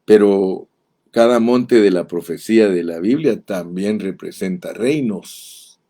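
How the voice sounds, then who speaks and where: A man's voice: on the low side, mellow. A man teaching from the Bible as a pastor, reading verses aloud with emphasis and addressing his listeners directly. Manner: slow, deliberate, reads verses aloud emphatically.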